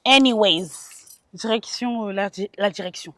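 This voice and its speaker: A young Frenchwoman vlogs casually into a small mic, chatting about her outfit while getting ready at home and later out in the street and metro. Her mid-range voice is fairly bright and moves at a normal speed. She's chatty, slips English words into her French, and laughs at herself.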